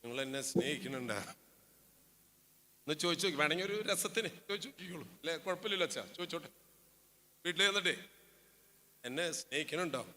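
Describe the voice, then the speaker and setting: Animated preacher man in an echoing hall. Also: brisk, pauses often. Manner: acts out dialogue with sudden loud high bursts and hushed asides. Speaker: priest. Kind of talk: storytelling sermon to families. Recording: hall reverb.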